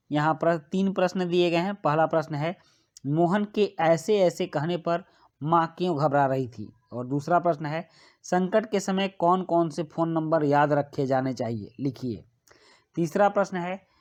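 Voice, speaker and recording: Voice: mid-range voice, a little mellow. A teacher works through a school worksheet, reading a short play line by line. Each passage is followed by a plain, step-by-step explanation for students.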